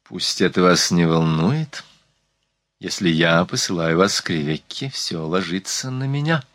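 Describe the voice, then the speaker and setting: A gracious, worldly sultana, read by a man in a low voice, speaking in a soft, slightly lisping whisper. She is confiding and decisive, with a light teasing edge. The recording is close and dry. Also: lively intonation, a little slow, no echo. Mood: reassuring.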